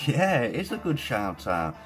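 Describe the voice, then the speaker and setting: A man's voice: medium pitch, slow pace, soft background music. Chatty British man hosting a live stream. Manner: chatty, excitable, swears casually, says mate and man. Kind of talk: casual live-stream chat.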